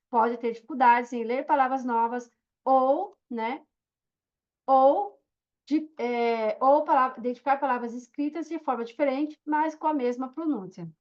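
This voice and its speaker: A woman with a high voice teaches an online course. She explains things step by step and keeps checking in with her students. The audio sounds dull and lo-fi. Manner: explanatory, checks in with listeners often. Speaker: course instructor. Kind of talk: recorded online lesson.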